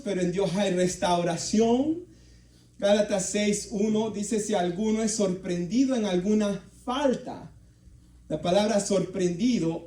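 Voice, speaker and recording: A man's voice: sits high, warm tone. A man preaching a sermon, earnestly calling out to the brothers. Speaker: pastor. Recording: echoey room, mic at a distance.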